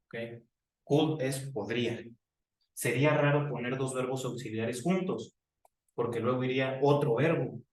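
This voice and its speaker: A man teaches English grammar in a classroom lesson, going over each example sentence again and again. His voice sits at an ordinary middle pitch. It sounds roomy and somewhat far from the mic. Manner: explains slowly, repeats example sentences.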